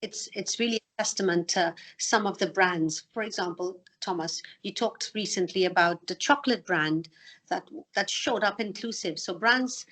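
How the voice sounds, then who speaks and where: A podcast host who is also a charity trustee leads a conversational interview, often filling gaps with um. Her voice is mid-range with a fairly bright tone.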